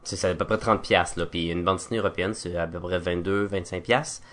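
A man's voice: low-pitched, steady tone, fast talker, fairly bright tone. A man with a Québécois French accent, co-hosting a casual podcast chat in a playful, joking way. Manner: playful, jokey. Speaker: podcast co-host.

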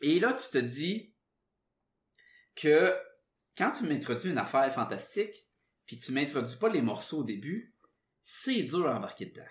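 A man with a Québécois French accent, hosting a casual podcast chat and talking in animated bursts with many restarts. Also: a little high, normal speed, long pauses. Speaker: podcast host. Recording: roomy echo.

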